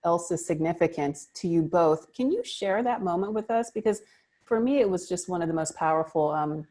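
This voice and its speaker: A woman's voice: fairly low pitch, moderate pace, warm tone. A woman moderating a press panel, teasing the guests and laughing often as she asks her questions.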